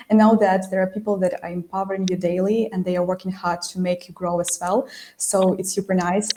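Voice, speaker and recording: Composed woman with a mellow voice. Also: mid-range voice, a little hiss or hum. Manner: composed, prepared-sounding, slightly formal. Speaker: panelist. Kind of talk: online panel discussion. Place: video call.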